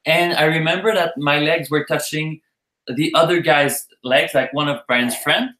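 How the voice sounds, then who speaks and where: A man's voice: fairly high pitch, fairly even intonation, unhurried, sharp tone, echoey room, low-quality recording. A man casually telling the story of how he met his partner, chatty and playful. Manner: chatty, playful, laughs often. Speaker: co-host telling their story.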